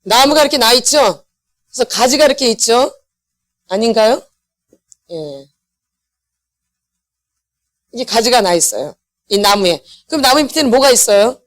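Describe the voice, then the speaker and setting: A woman's voice: on the high side, animated, normal speed, long pauses, no room sound, studio quality. A middle-aged woman, a pastor's wife, giving a church healing lecture, asking her listeners questions and repeating the key words back to them. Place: church hall.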